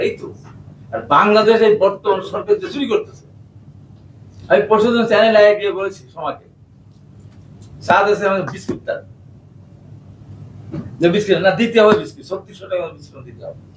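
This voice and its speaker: A man's voice: high-pitched, slight background noise. A man with a Bangladeshi accent giving an impassioned political rally speech into a public address microphone, leading the crowd in chants. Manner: impassioned, rising to shouted chants. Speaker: political speaker at a protest rally. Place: outdoor or hall rally. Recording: echoey, distant PA sound with faint ambience.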